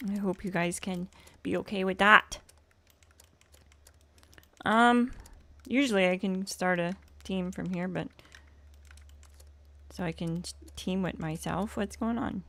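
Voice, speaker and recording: A woman with a scratchy, hoarse voice chatting casually and explaining in a rambling way as she hosts a game livestream. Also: mid-range voice, steady tone, slow, pauses often, sharp tone. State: hoarse from swollen throat. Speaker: live streamer, host.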